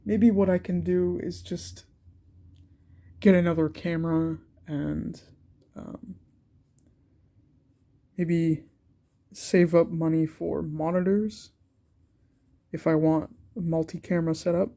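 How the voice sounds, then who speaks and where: A young man runs through his sketch in a laid-back art vlog, his cold leaving him congested and his delivery hesitant with lots of ums and restarts. His voice leans high and is mellow yet gravelly, slow with fairly even intonation and frequent pauses.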